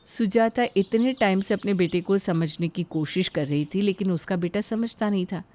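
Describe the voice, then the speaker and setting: A woman narrating a moral story in a steady, scripted storytelling manner. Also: medium pitch, normal speed.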